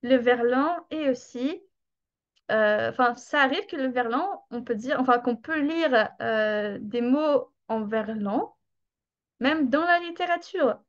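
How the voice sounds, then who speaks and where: A woman leads an online French lesson, taking her time over each example. Her voice sits high and she speaks slowly and patiently. The sound is a little muffled, like a video-call mic. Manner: slow, patient explaining with drawn-out examples. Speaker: French teacher.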